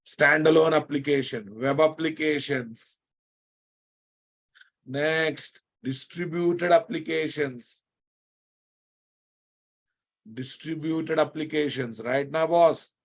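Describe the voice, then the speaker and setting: A man's voice: a little high, steady tone, slow. A man with an Indian accent lecturing a live online programming class, often repeating his phrases and checking that listeners follow. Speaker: programming instructor.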